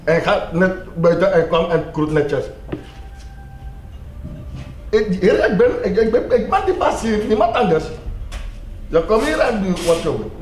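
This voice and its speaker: An actor playing a male schoolteacher who is strict but overwhelmed, talking haltingly, repeating words and scolding loudly. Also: high-pitched, lively intonation. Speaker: Dutch teacher at a school. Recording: echoey room with clear background noise.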